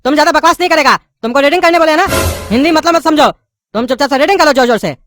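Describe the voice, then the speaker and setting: A woman's voice: high voice, fast, a bit bright, soft background music. Woman playing an impatient scolding cartoon schoolteacher. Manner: scolding, corrects pronunciation. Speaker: teacher.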